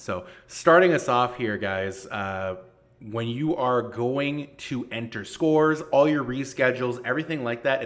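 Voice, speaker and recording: A man's voice: medium pitch, a bit bright. A man casually hosting a livestream in an echoey room, talking informally and hesitantly to his audience as he welcomes and guides them. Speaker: host of a gaming league livestream. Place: newly moved-into home or office room, indoors. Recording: echoey, roomy untreated office.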